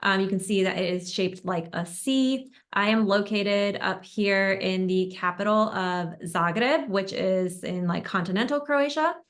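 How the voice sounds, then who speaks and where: A young woman from the United States, an expert on tour destinations, gives a friendly webinar presentation over a video call from a room in her home, using lots of ums and uhs. Her mid-range voice is unhurried, and she barely pauses.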